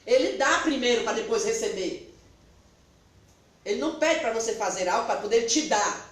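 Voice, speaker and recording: Woman pastor, middle-aged, emphatic sermon, very lively pitch, distant mic in a very echoey hall. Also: moderate pace. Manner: animated and emphatic, laughing at her own remarks. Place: church hall.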